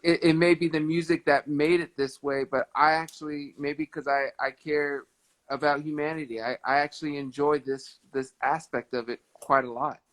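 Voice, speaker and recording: A man's voice: fairly high pitch, level tone, moderate pace, rough recording. Friendly man chatting on a livestream. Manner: warm, repeats words while thinking. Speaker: livestream host. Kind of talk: casual chat with a fan. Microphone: phone on a live video stream.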